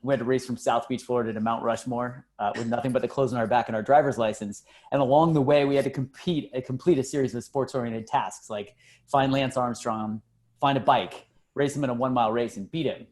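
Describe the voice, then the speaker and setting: A man on a video call, telling a story to the panel in a joking, animated way. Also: medium pitch, brisk. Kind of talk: casual panel chat, storytelling.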